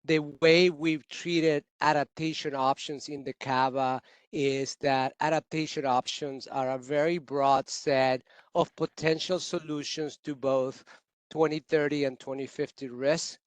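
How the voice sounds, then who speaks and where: A man who leads utility climate adaptation work, giving measured, technical explanations on a video call with frequent restarts. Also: fairly high pitch, fairly even intonation, clear, resonant tone, no room sound. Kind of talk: virtual workshop remarks.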